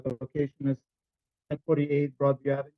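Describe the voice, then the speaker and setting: A man's voice: mid-range voice, monotone, fairly quick, dry recording. A man speaking as an agent from a remote call, his voice cutting in and out as he strains to speak up. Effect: voice cutting in and out over a bad connection. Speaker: agent for an applicant. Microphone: joining remotely over a video call. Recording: tinny dry call line breaking up.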